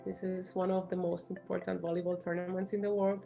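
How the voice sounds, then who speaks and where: A woman's voice: fairly low pitch, flat delivery, fairly quick, gravelly, mellow, dull audio, faint music behind. A woman student athlete giving an earnest, hesitant testimonial.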